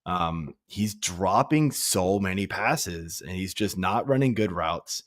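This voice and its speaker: A guest fantasy football analyst in his thirties speaks on a sports podcast in a low, animated voice, though slowly. His casual talk wanders, full of restarts and repeated "I mean"s, captured in a dry, clean studio recording.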